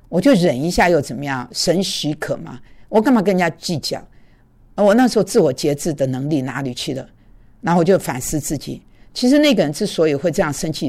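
A woman telling a personal story in a casual devotional talk, animated and chatty, with many fillers. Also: low voice.

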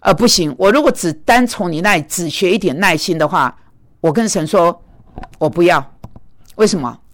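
Woman preacher, blunt, scolding, lower-pitched voice, animated delivery. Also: brisk. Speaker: preacher and mentor. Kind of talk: sermon. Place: speaking in Manhattan.

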